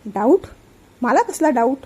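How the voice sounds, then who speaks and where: A nervous, evasive uncle fumbles for excuses, as a woman storyteller reads his part. The voice is mellow and high, in a read-aloud family story. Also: big pitch swings, a little slow, slightly rough, heavily acted. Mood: flustered. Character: flustered, evasive middle-aged uncle.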